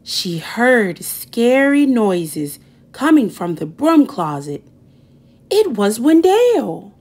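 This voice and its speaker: A woman narrating a picture book for children as a storyteller, with expressive, dramatic emphasis on key words. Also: high-pitched. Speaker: children's read-aloud storyteller.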